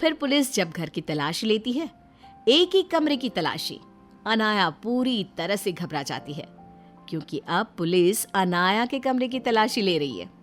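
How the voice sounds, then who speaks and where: Lady narrating a cartoon story, plain even voice, middle pitch. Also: a little slow, soft background music.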